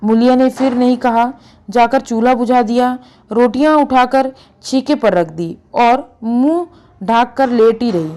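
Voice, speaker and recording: Woman storyteller, classic short story read aloud, measured and even, fairly high voice.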